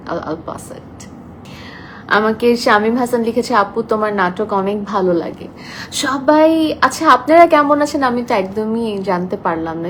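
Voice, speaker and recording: A soft-spoken young woman chatting casually on a live stream, reading out viewer comments and mixing English into her talk. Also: on the high side, a little hiss or hum, low-quality recording.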